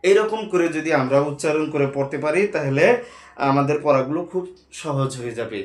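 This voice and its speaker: A man, his voice slightly high, leads a slow spelled-out recitation lesson. He names each letter and vowel mark, then calls out the blended syllable again and again with rising emphasis. The room around him rings with echo. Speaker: Quran reading teacher. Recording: echoey room.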